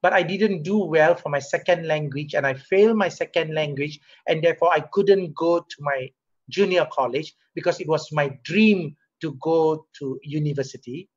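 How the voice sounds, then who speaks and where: Over a muffled video call, a middle-aged man with a Singaporean English accent, a company CEO, delivers a motivational talk on leadership. His husky voice sits a little high and moves at a normal speed, and he asks rhetorical questions in a conversational way, growing animated whenever he makes a point. He's using a webcam or laptop mic from a home or office room.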